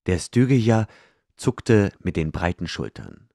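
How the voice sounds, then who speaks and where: A man narrating a fantasy audiobook in a measured, dramatic way. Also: sits low, big pitch swings, gravelly, a little mellow, dry recording, studio quality. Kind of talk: scripted narration.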